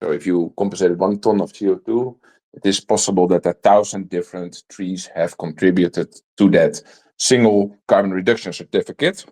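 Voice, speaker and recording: Dutch-accented man hosting, low voice. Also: steady tone, normal speed, dark tone. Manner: hesitant, many filler ums. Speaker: host. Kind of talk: live online panel talk.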